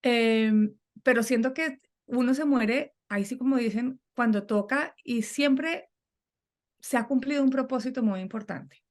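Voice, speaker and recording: A middle-aged woman telling a personal story in conversation, animated and acting out the voices she quotes. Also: a little high, unhurried. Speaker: guest.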